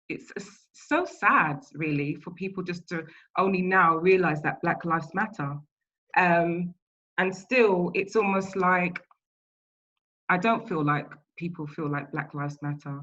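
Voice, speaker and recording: A woman in her thirties speaking on a panel over a video call, earnest and personal, halting with fillers. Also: deep voice, fairly bright tone. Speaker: panelist, community event founder. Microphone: video call mic. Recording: dull lo-fi call audio.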